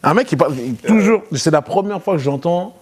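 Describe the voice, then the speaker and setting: A man, a guest in a casual interview, telling a story in an animated way. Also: fairly quick. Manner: animated, acts out quotes in a loud high voice.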